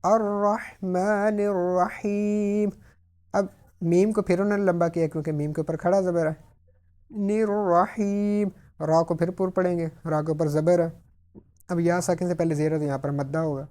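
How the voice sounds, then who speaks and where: Mellow-voiced man teaching Tajweed rules. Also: a little high, fairly even intonation. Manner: patient step-by-step explanation, slowly modelling words. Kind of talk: explaining recitation rules.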